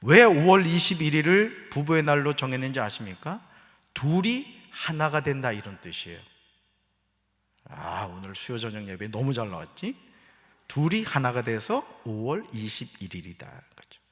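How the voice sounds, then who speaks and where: A man's voice: medium pitch, normal speed. A middle-aged man preaching a sermon as pastor, joking with the congregation and then turning earnest. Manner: humorous, animated preaching with jokes and quoted voices. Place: church sanctuary. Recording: church hall reverb.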